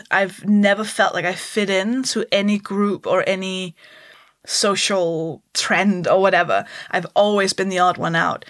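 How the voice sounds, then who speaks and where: A woman's voice: medium pitch, fairly bright tone, no room sound, clean studio sound. A Danish-born comedian in her thirties, chatting candidly in an interview, laughing often and putting on voices to make a point. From Denmark. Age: 30s. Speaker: comedian guest. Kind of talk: casual interview chat.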